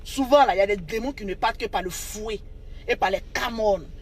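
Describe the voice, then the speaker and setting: A woman's voice: mid-range voice, fairly quick, husky. A woman hosting an unscripted live stream on her phone, scolding and mocking her viewers and repeating herself for emphasis.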